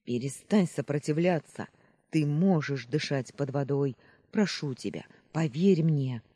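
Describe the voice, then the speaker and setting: A stern young man, as a woman narrator puts him on in an audiobook, giving angry, forceful orders at full volume. The voice is low and husky. It has a dark, mellow colour. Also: lively intonation, a little slow, no echo, studio quality, exaggerated voice.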